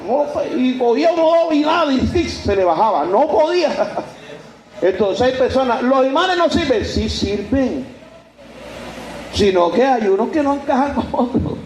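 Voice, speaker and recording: High-voiced pastor in an echoey room. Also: male voice. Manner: folksy, keeps calling listeners "brother", animated storytelling. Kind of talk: conversational sermon. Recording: echoey room with faint ambient noise.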